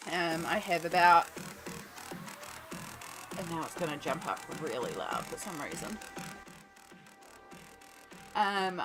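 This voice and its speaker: An Australian woman with a cold, voice lowered and interrupted by coughing, colours on a stream while chatting casually. She rambles with many ums, and faint music plays in the background.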